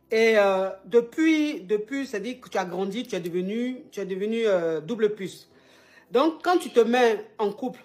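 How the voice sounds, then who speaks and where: A woman coaches a caller in an easygoing advice chat. She is animated and teasing, loops back over her own phrases, and drops street slang into her talk. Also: mid-range voice. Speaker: advice show host, relationship coach.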